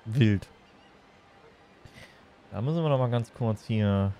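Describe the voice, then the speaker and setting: A man's voice: lowish voice, takes it slowly, warm tone, slight background noise. A man chatting casually and playfully as he livestreams a game, rambling from one thing to the next. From Germany. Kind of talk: casual chat while streaming a game.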